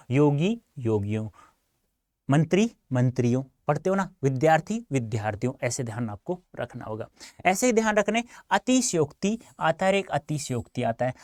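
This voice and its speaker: A male teacher leads an online exam-prep lesson, explaining step by step, posing questions and answering them himself, and addressing his students as dear children. His voice is on the high side, recorded dry in studio quality.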